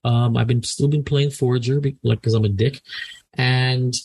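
A man's voice: mid-range voice, steady tone, moderate pace, darkish tone, husky. A man co-hosting a podcast in casual banter, joking and rambling with frequent restarts. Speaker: podcast co-host.

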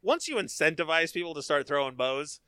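Bright clear-voiced guy hosting a hockey chat, jokey, dry close sound. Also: fairly high pitch, fairly quick, dry recording. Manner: storytelling, joking, animated. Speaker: host. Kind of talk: casual chat.

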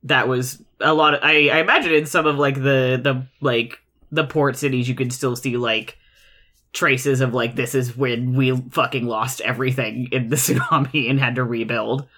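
Bright-voiced playful man. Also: medium pitch, fairly even intonation, normal speed. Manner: playful, laughs often. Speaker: player. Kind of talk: casual chat about a tabletop campaign.

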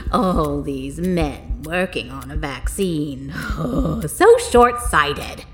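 A woman voicing an ancient, demented female mad scientist who cackles and swings between whispers and loud outbursts. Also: low voice, lively intonation, extremely slow, full character voice. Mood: manic. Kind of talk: audio drama acting.

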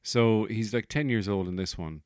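A man's voice: fairly low pitch, moderate pace, clear, resonant tone, dry recording, clean studio sound. A man hosting a solo comedy podcast, rambling through jokey, profane tangents. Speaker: podcast host.

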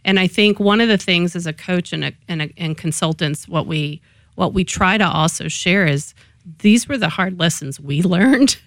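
Lower-voiced Texan woman, close dry sound. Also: moderate pace, dry recording. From Texas, United States. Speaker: business coach and guest. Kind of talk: conversational interview answers.

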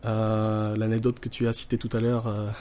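A man's voice: lowish voice, completely flat delivery, moderate pace, dark tone. A man with a Marseille French accent, talking casually as an interview guest with dry, tongue-in-cheek humour. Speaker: guest, poker player.

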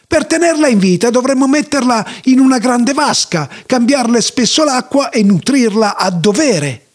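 A man's voice: very high-pitched, expressive, normal speed, pitched above the performer's own voice. A man voicing an eager, fussy village sage who once sold fish at the market. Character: fussy practical male village sage, former fishmonger.

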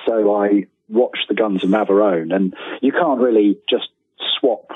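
Speaking at a measured pace in a lowish voice with a breathy edge, a freelance writer rambles casually as an interview guest. He's self-deprecating and keeps restarting his sentences, heard through a tinny, phone-like line with room echo.

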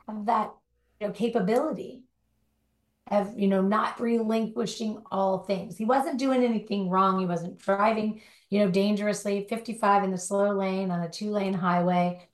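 A woman with a medium-pitched, steady voice talks a little slowly in a roomy-sounding space. She's a recovery life coach appearing as a guest in a conversational interview, laying out her ideas in long run-on thoughts and often tagging on a rhetorical "right?" to check in. A dog barks now and then in the background.

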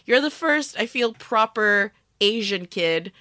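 Giggly, lively woman podcast host. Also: mid-range voice, slow. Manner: giggly, animated, teasing. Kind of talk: casual podcast chat.

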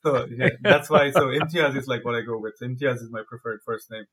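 A young man from Bangladesh speaks as an interview guest in a mid-range voice. He talks casually and haltingly, restarting sentences and leaning on fillers as he explains his work. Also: mid-range voice, fairly even intonation, background noise. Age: young adult. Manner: hesitant, many fillers and restarts. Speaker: guest, PhD researcher.

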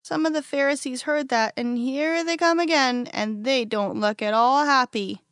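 A woman's voice: sits high, moderate pace, fairly bright tone, dry recording, studio quality, voice pushed up. A woman reading the part of a curious young boy in a storybook who asks questions.

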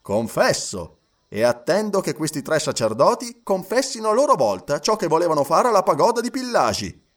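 A man voicing a calm, reserved English gentleman in an audiobook, speaking slowly and low. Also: distant mic. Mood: composed. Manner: slow, low, composed. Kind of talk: audiobook character voice.

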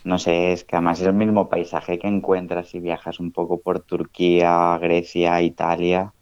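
A man's voice: deep voice, monotone, normal speed, a little mellow, clear, resonant tone, dry recording. A man in his thirties, a researcher, talking things through on a podcast, often ending phrases with a questioning tag. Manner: thoughtful, many "¿no?" tags. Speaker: guest researcher. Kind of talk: casual podcast conversation. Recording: dull, dry lo-fi sound.

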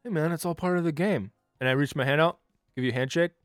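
A man's voice: on the high side, quick pace, smooth, no echo, studio quality, soft background music. A man playing a tabletop game, joking around with friends. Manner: playful, jokey. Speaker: player. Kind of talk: casual game chat.

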